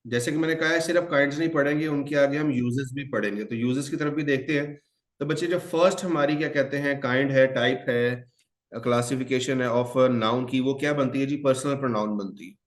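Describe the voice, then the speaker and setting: A man with a mid-range voice speaks fairly quickly in a reverberant space, teaching English grammar for online exam prep in Hindi-Urdu mixed with English. He treats his students as children, quizzing them and then answering his own questions.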